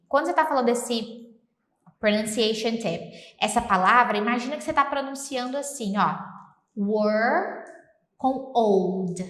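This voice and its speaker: Brief: woman Brazilian English teacher, higher voice, animated and playful, echoey room. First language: Portuguese. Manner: animated, playful, slow careful English examples. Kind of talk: lively bilingual English lesson.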